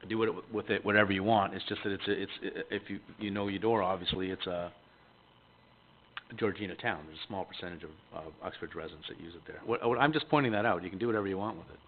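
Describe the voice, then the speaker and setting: A low-voiced Canadian man chairs a council meeting, moving things along quickly. He often trails off quietly at the ends of his remarks. The audio is thin and phone-like, with faint room noise behind.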